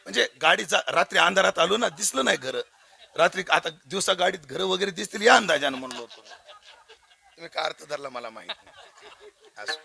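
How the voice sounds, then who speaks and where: Lively, bright-voiced man preaching. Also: high-pitched, a little fast, gravelly. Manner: jokey, asks the audience questions. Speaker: kirtan preacher. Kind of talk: humorous storytelling sermon.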